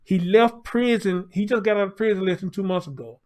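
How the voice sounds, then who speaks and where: A man giving a casual news update to viewers, speaking through a face mask in a halting way and repeating phrases. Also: high voice, darkish tone. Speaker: online news commentator.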